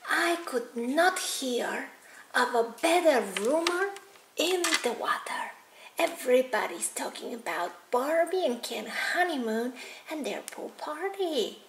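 A gentle young mermaid princess, played by a woman with toys, speaks softly and dreamily. Her voice sits high and moves slowly. A steady noise runs under the home recording. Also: roomy sound, heavily acted. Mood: dreamy.

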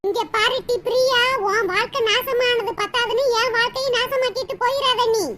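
A woman voicing a sharp-tongued married older sister in a cartoon, scolding and mocking in a long rant. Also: very high voice, background noise. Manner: scolding, mocking, rapid ranting. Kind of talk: cartoon voice acting.

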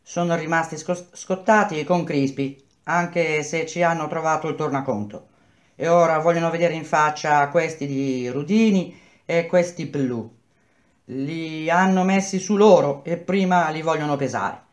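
A woman reading aloud and voicing a middle-aged male contractor who smoothly explains hard news to his workers. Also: low-pitched, measured pace. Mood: persuasive. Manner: persuasive, explanatory, speaks to workers as a group.

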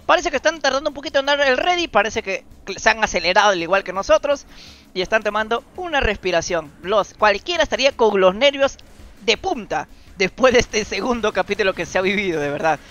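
High-pitched excitable esports caster man. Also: a little fast, muffled recording. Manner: excitable, sing-song play-by-play. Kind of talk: live esports commentary.

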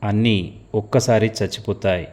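Guy reading as a cold calm woman agent, low quiet lines, audio story. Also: moderate pace, close to an everyday voice. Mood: cool, steely. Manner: calm and quiet, flaring to shouts. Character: cold, calculating woman agent, mother figure.

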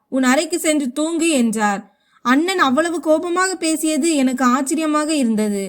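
Woman reading a story out loud, high voice, steady first person telling. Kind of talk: scripted story narration.

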